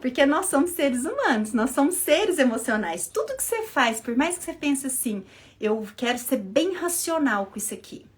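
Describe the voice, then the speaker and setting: A woman therapist hosting a live stream with a Brazilian Portuguese accent, explaining ideas in an animated way and often checking in with her listeners. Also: high-pitched, moderate pace. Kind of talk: casual live-stream talk. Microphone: live-stream setup, earring knocking the mic.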